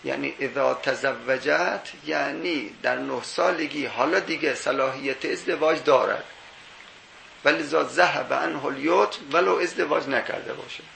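Gravelly, bright-voiced male seminary teacher. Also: medium pitch, echoey room, a little hiss or hum, rough recording. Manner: explains step by step, quoting Arabic texts and asking rhetorical questions. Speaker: teacher of Islamic jurisprudence. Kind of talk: seminary jurisprudence lecture.

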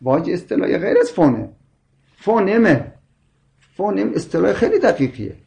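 A man's voice: high-pitched, big pitch swings, creaky, dark tone. A man in a scholarly debate, insistently explaining his point with repeated examples. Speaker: scholar explaining linguistics and Quran readings.

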